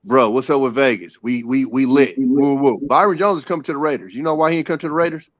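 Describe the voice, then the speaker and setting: A man's voice: mid-range voice, fast, dry recording, highs cut off. A man in his forties, a co-host in a casual sports chat, rowdy and profane, telling stories. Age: 40s.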